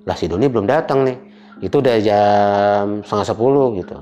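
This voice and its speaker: A young man, casually telling a personal ghost story as a guest, in an animated, dramatic way full of fillers. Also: fairly low pitch, brisk, muffled recording, faint music behind.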